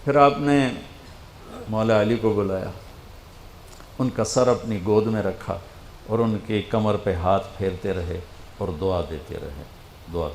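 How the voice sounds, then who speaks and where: An older man preaching an emotional sermon, telling a story with dramatic swings and dropping to a hush for quoted lines. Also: fairly low pitch, pauses often, reverberant, slight background noise. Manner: dramatic, quotes figures in a hushed voice.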